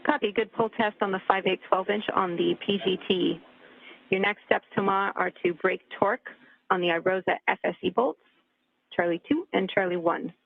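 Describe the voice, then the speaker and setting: Gravelly woman calling over tinny radio. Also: mid-range voice, moderate pace, dry recording. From Canada. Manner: precise, repeats calls back. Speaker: mission radio communicator. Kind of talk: clipped radio procedure calls. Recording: tinny radio loop with faint hiss.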